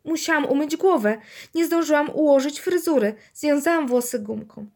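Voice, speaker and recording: A woman's voice: high voice, normal speed, a little mellow, pitched above the performer's own voice. A woman voicing a flustered, upset mother. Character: upset mother on the phone, fussing.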